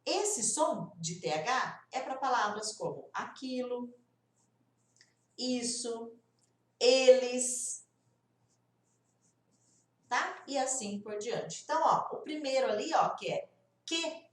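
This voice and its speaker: A woman, a native Portuguese speaker, teaching English pronunciation and demonstrating each sound slowly. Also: a little high, expressive, roomy sound, recorded from a distance. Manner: demonstrative, drawn-out sound examples. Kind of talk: pronunciation lesson.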